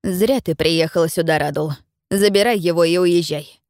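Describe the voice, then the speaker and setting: A woman reading the part of a blind old village witch in an audiobook, low and commanding, cold and unhurried in manner. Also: a little mellow, no echo, clean studio sound, close to an everyday voice. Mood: stern.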